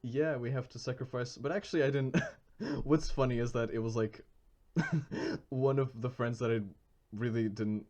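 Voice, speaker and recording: A man's voice: mid-range voice, fairly even intonation, moderate pace, a little mellow. A man co-hosting a podcast, telling a long story in casual chat, full of fillers, restarts and bursts of laughter. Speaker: podcast co-host.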